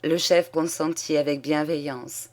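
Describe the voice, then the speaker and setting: A woman narrates a classic story at a calm, measured pace. Her voice sits notably low for a woman and stays even and unhurried. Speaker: reader.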